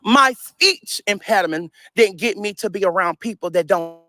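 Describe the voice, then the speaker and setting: A high-pitched, animated male voice, pushed and bright, moves at a moderate pace. The speaker, a St. Louis social media personality in his 30s with a speech impediment, gives a casual livestream-style vlog rant that's emphatic and repetitive, broken up by frequent laughter.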